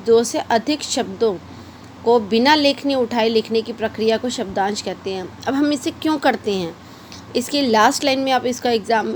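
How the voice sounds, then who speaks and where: A young woman teaches a shorthand lesson, explaining each point step by step and mixing English words into her talk. Her voice sits a little high. A faint background noise stays under the recording. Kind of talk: classroom lesson.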